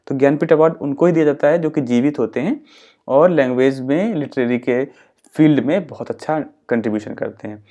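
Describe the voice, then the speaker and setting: A young man hosts an exam-preparation lesson in a mellow, somewhat high voice. He explains step by step, repeats his points and slips English terms into his Hindi. His delivery stays patient and instructive. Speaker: exam-prep teacher and channel host. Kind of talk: educational explainer.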